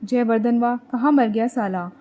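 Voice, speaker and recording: A woman voicing a brash, quick-tempered young male student friend who talks in rough, teasing slang. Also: on the high side, dark tone, close to an everyday voice. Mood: angry.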